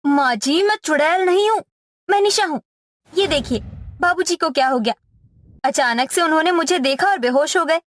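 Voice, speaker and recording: Woman doing a gentle, sorrowful young wife. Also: sits high, moderate pace, no room sound, studio quality, close to an everyday voice. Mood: pleading.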